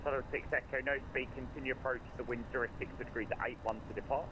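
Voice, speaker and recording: Man as air traffic controller, brisk procedural calls, noisy radio transmission. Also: mid-range voice, fairly even intonation. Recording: noisy radio with engine drone behind.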